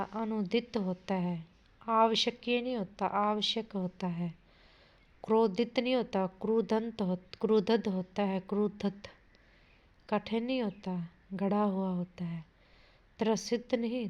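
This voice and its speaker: A woman teaching an exam-prep grammar lesson. She reads out sentences, asks what a word means, corrects it, and calls her listeners "bhai". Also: medium pitch. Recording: dull lo-fi audio.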